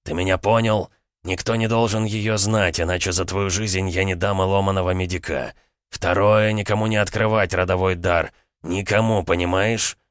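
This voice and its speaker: A man's voice: deep voice, fairly even intonation, moderate pace, no room sound, studio quality, natural voice. A man voicing a stern older prince who gives curt, menacing commands to his son. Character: stern, cold older male prince, a father.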